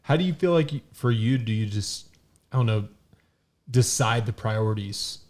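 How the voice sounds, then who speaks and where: A man in a relaxed home podcast, speaking at a middle pitch. He rambles through stories full of "like" and "um" and keeps a casual, conversational flow. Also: moderate pace. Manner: rambling, storytelling, many fillers. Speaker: podcast co-host.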